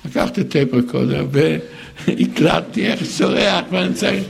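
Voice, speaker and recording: Older guy giving a sermon, raspy fry, pitch up high, acts out others' lines. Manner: animated, quoting others in raised voices.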